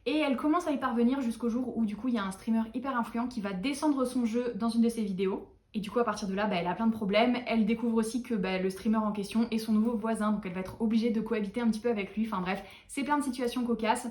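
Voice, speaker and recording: A young woman talks casually to her viewers, chatty and quick to poke fun at herself. She sounds a little tired, and her voice sits fairly high. The room around her is noticeably echoey. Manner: chatty, self-mocking, animated. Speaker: book vlogger. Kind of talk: casual book chat to camera.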